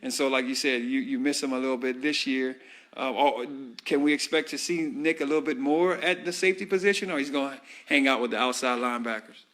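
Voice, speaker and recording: A man's voice: mid-range voice, a little fast, fairly bright tone. Chatty man interviewing a player. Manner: friendly, rambling questions with many fillers. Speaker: sideline interviewer at a high school football broadcast. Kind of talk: halftime interview.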